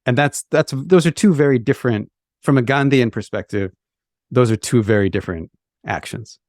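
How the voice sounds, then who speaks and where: A man's voice: medium pitch, moderate pace, a little mellow, no echo, clean studio sound. A man hosting an interview podcast, summarizing and explaining his guest's point. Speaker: podcast host. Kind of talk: conversational interviewing.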